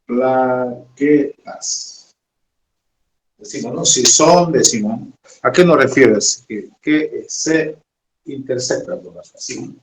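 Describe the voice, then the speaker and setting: A male electronics teacher giving a slow classroom lecture, talking haltingly and keeping up a steady stream of check-in tags. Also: mid-range voice, a little hiss or hum. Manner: slow, halting, keeps adding "decimos, ¿no?". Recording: echoey room.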